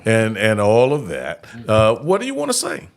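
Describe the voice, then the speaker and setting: A man's voice: on the low side, wildly swooping pitch, normal speed. A middle-aged man hosting a casual chat in a folksy way, repeating his phrases for emphasis. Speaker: host, interviewer.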